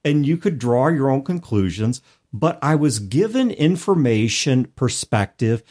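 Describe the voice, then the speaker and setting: A medium-pitched, slightly mellow voice with big pitch swings and a somewhat slow pace comes from an American co-host on a conversational role-playing games podcast. He lays out his ideas in long sentences, each carefully qualified.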